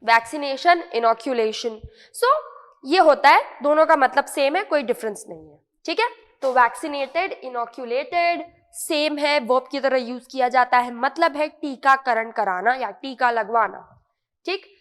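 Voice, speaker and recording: A high-voiced Indian woman teaches English words in an online lesson. She explains patiently, repeats each word and keeps checking that it is clear. A long reverb trails behind her voice. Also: moderate pace, a bit bright.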